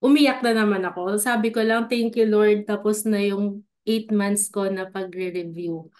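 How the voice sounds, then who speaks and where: A woman's voice: mid-range voice, fairly even intonation, moderate pace, darkish tone. Nurse lady from pangasinan chatting about her story, polite, lots of fillers. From Pangasinan, Philippines. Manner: polite, uses respectful particles, many fillers. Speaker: nurse interviewee. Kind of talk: casual personal storytelling.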